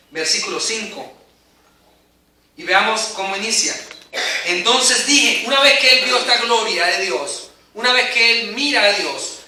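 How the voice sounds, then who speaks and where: A preacher delivers an emphatic, dramatic sermon whose intensity rises and falls, his voice high and piercingly bright. The mic sits at a distance in a very echoey hall, so each phrase rings out around him.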